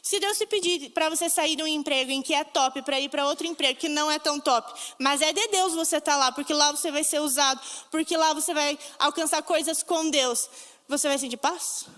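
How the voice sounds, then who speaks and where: A woman's voice: sits high, brisk, fairly bright tone. A Brazilian woman preaching a sermon, telling stories emphatically and acting out the voices she quotes. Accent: Brazilian Portuguese. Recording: long reverb of a hall.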